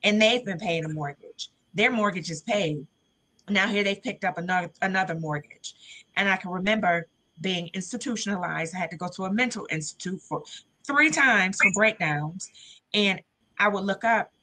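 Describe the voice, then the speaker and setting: A woman's voice: medium pitch, moderate pace, sharp tone. A woman speaking as a panelist, telling a heartfelt personal story with emotion, over a video call. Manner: emotional, heartfelt, tearful at times.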